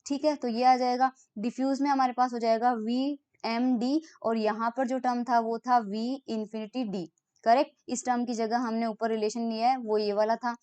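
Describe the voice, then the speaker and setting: A woman gives a physics lecture in a smooth, resonant voice pitched a little high. She walks through formulas step by step. She reads definitions slowly, then explains them again in plain terms. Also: flat delivery, dark tone, no echo. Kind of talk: recorded online lecture.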